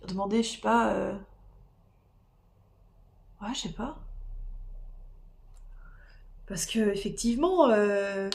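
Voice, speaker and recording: Fighting a cold and sore throat, a tired woman whose voice is going streams from home, working on diamond painting and chatting in a rambling way with viewers, full of fillers and restarts. Her mid-range voice is gravelly and a little mellow, and she talks a little slowly.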